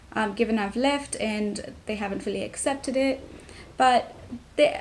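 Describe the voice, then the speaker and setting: A young woman from Tanzania, talking to camera about her family in a reflective way, with many pauses and restarts. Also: medium pitch, darkish tone, a little hiss or hum. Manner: reflective, frequent ums and restarts. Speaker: vlogger. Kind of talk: personal talk to camera.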